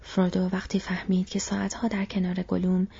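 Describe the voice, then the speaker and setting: A woman narrating a storybook in a breathy whispered audiobook reading. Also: fairly low pitch, monotone, dark tone. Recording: dull lo-fi recording.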